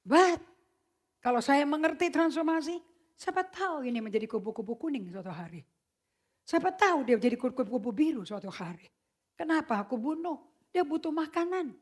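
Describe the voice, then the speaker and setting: Woman, preacher, sermon, high-pitched, casual slang, sudden shouts, hushed whispers, mixes in English. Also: animated, a little fast. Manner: mixes English phrases into her speech; casual slangy emphatic delivery.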